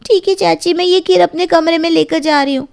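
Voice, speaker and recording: A woman's voice: extremely high pitch, fairly even intonation, a little fast, vocal fry, a little mellow. A woman voicing a sulky, whiny eight-year-old girl in a cartoon storybook.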